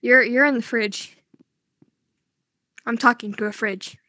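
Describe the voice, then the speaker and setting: Squealy high-pitched woman gamer. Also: steady tone, measured pace, sharp tone, no room sound. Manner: squealy, playful teasing. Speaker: VR game player. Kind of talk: casual gaming chat.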